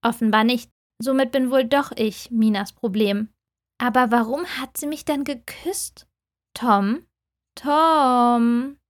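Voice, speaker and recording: A woman hosting a book podcast, reading a novel excerpt aloud in a steady, clear way. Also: fairly high pitch, a little slow. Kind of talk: audiobook reading and podcast outro.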